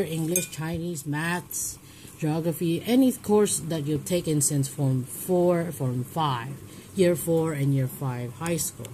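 In a rough recording with slight background noise, a young woman from Hong Kong speaks in a lowish, slightly mellow voice. She's vlogging casually indoors at home, thinking aloud, rambling and restarting sentences as she goes.

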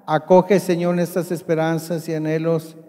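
A man leading Mass as priest, praying in a calm, deliberate, solemn way, with a long cathedral echo around his voice. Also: a little high. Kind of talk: liturgical leading and prayer. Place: large church. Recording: long church reverb.

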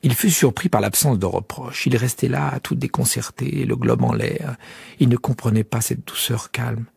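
A man narrating a children's audiobook in an expressive, hushed way, often dropping near a whisper. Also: mid-range voice, moderate pace, vocal fry, breathy edge, no echo.

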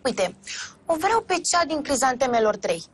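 A woman's voice: sits high, sing-song, a little hiss or hum. An actress playing a pushy secretary who wheedles her boss for an apartment. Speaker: mayor's secretary. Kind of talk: sitcom acting.

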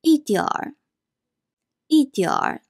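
Slow, drilling woman teaching words. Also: sits high, big pitch swings, darkish tone, no room sound, studio quality. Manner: says each word or syllable slowly, then repeats it. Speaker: Chinese teacher. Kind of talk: slow word-by-word pronunciation drill.

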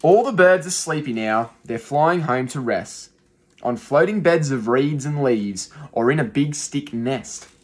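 This young adult male teacher reads a rhyming picture book to young children in a rhythmic, expressive style, speaking a little slowly in a mid-range voice. He's seated in a small room and recorded on a phone close in front.

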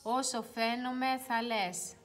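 A young woman hosting a casual makeup livestream, chatting and reading viewer comments aloud, sometimes dropping to quiet mutters. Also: a little high, fairly even intonation, soft background music. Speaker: beauty livestream host. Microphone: phone.

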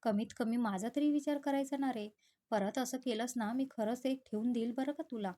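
A woman voicing a patient, forgiving young wife who speaks softly and coaxingly. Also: a little high, steady tone, moderate pace, close to an everyday voice.

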